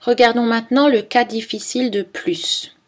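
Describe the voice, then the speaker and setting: A woman teaching French pronunciation in a scripted lesson, reading word lists one by one in a careful, measured way. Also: a little high, steady tone.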